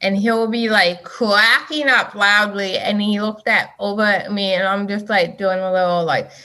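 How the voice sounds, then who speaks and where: A woman guest on a podcast talking casually, halting and restarting often with many fillers. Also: medium pitch, fairly even intonation, sharp tone. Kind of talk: casual chat.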